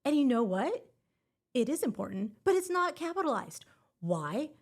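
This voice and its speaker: A woman's voice: sits high, very animated, moderate pace. A woman hosting a scripted exam-prep podcast and teaching grammar in a playful, upbeat way with puns.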